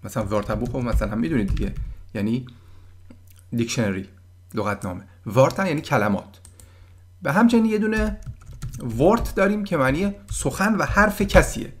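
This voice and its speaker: A man giving a casual German lesson, patiently explaining words and sounding them out slowly. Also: mid-range voice, expressive. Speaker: German language teacher.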